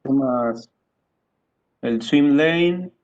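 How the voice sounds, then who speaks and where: A man's voice: medium pitch, very slow, muffled recording, slight background noise. A man, a graduate student answering in an online class, hesitant and searching for words over a video call.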